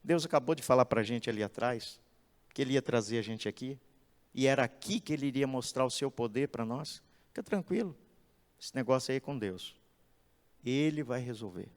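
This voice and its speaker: A man voicing a calm, serene prophet who speaks softly and reassuringly. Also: moderate pace, close to an everyday voice. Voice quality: soft, low and soothing. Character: serene calm older male prophet leader. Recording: echoey church hall.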